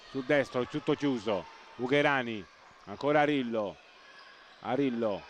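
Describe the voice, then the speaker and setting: A man giving live play-by-play sports commentary, excitable and breathless, repeating names and words for emphasis. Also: medium pitch. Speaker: live futsal match commentator. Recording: noisy sports hall ambience.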